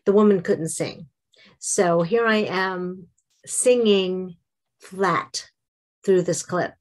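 A middle-aged woman vlogger talking casually and devotionally to camera, halting at times and correcting herself. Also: lowish voice.

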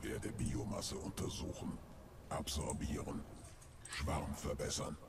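A cold, analytical insect hive servant from a video game. The voice is extremely low and flat, with a gravelly, guttural grind and halting, clipped phrases. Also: male voice, full character voice.

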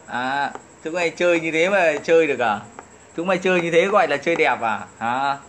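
A man's voice: on the high side, animated, fairly quick, fairly bright tone, a little hiss or hum. A man ranting at his critics in a taunting, profane way, laughing at them as he insults them. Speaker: online commentator. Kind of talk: taunting profane rant to camera.

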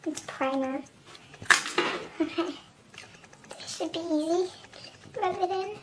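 A vlogger with a helium-like chipmunk pitch-up effect, chatting casually and uncertainly to themself through a task. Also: slow pace, darkish tone, a little hiss or hum. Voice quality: high squeaky chipmunk, helium-like voice from pitch-shifting. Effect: chipmunk pitch-up filter. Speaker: beauty vlogger. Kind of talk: casual chat while doing a makeup challenge.

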